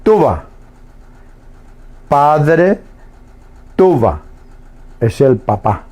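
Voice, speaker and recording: A man teaching a language lesson on the radio, saying each word slowly and repeating it patiently so listeners can copy. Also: fairly high pitch, very animated, darkish tone, dull audio. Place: radio studio.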